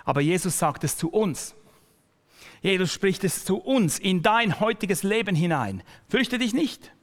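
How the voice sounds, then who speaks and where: A male pastor delivering a sermon to his congregation, speaking directly and personally to the listener, often slowing down and dropping almost to a whisper for emphasis. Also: high-pitched, expressive, long reverb tail.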